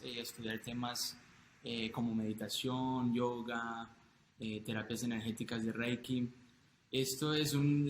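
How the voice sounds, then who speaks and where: A man's voice: medium pitch, a little hiss or hum. Hesitant Colombian-born man in an echoey room. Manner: hesitant, many fillers and restarts. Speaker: holistic health coach, guest. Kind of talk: casual interview talk.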